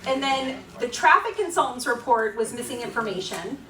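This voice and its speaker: A woman with a Florida accent speaks in a fairly high voice, explaining things in a conversational, wryly critical way as a presenter. She is recorded a little away from the mic in a very echoey room, with faint noise behind her. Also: lively intonation, moderate pace, bright, forceful tone, distant mic. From Florida, United States. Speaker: presenter at a community meeting. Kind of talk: informal public presentation.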